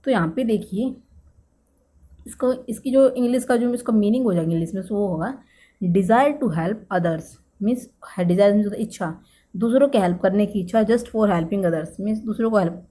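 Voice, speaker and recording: A woman teaching English vocabulary for exam prep. She explains slowly, repeats each key word and often checks in with the class. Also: medium pitch, warm tone. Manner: explains slowly and repeats key words, with many "thik hai" check-ins.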